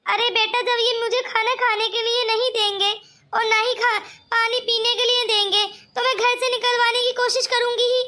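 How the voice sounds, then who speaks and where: A spiteful, scheming cartoon aunt. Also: female voice, very high voice, little pitch movement, normal speed, sharp tone, a little hiss or hum. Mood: complaining. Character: scheming spiteful older aunt, bitter and jealous. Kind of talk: cartoon voice acting.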